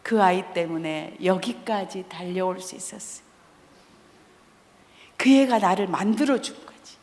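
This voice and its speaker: A middle-aged woman, a counseling professor, giving a guest sermon in a church, blunt and lively, acting out the voices in her stories with comic timing. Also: on the low side, a little slow. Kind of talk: sermon with anecdotes. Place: church sanctuary. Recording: echoey church hall.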